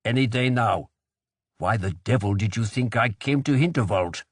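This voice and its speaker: A man voicing a gruff, impatient resistance leader who speaks in a demanding way. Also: on the low side, moderate pace, dry recording, studio quality, lightly acted. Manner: brusque, demanding.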